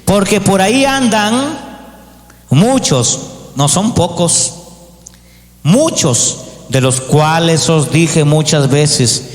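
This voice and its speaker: A man's voice: a little high, expressive, takes it slowly, long pauses. A man preaching a sermon as pastor, rising to emphatic peaks and acting out the voices of doubters. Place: church. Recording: echoey church hall.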